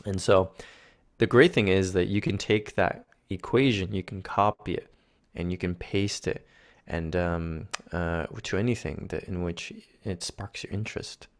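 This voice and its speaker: Man from Argentina, low voice, earnest, gentle mentor tone. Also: fairly even intonation, unhurried. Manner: soft, earnest, gently encouraging. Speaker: guest, spiritual mentor. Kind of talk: reflective conversation.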